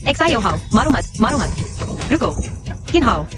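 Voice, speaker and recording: A woman's voice: fairly high pitch, sing-song, normal speed, music in the background. A woman voicing a proud elder sister who scolds and worries by turns, in a dubbed drama. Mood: stern. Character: proud elder sister, stern but torn. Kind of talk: Hindi drama dubbing.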